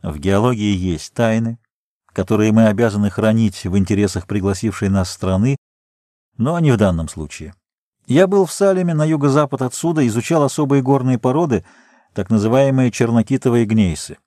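A man reading aloud, voicing a calm, learned middle-aged geologist who explains things in a measured way. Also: on the low side, no echo, studio quality, close to an everyday voice.

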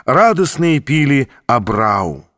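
A man reading a humorous story aloud in a measured, expressive way. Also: mid-range voice, dry recording, studio quality. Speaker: narrator.

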